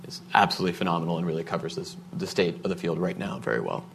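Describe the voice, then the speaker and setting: A man making a quick, enthusiastic remark at a hearing. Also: deep voice, animated, creaky, fairly bright tone, a little hiss or hum.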